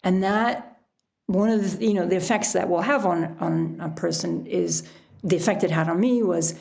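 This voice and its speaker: The American podcast guest, a middle-aged author and sailor, explains things conversationally, sprinkling in "you know" asides. She uses a lowish, darkish, creaky voice at normal speed.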